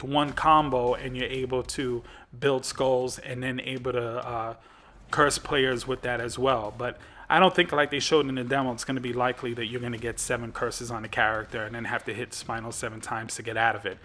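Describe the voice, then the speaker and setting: A man's voice: medium pitch, fairly even intonation, a little fast, a bit bright. A man hosting a gaming channel, giving casual commentary on a fighting game, rambling with lots of fillers and restarts.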